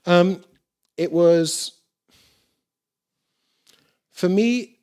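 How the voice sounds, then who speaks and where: A man's voice: high-pitched, extremely slow, warm tone, clear, resonant tone. A man co-hosting a film review podcast, easygoing and enthusiastic in casual chat. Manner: easygoing, enthusiastic, laughs along.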